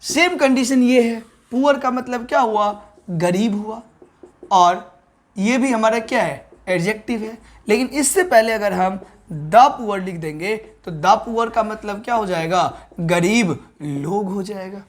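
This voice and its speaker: Man, teacher, online grammar lesson, asks whether viewers understood, repeats key terms slowly, classroom board. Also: high voice. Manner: keeps asking the viewers whether they understood.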